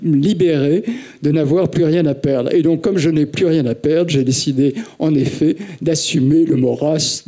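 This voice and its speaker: A man's voice: on the high side, dark tone. A man with a French accent making wry, ironic panel remarks as a writer.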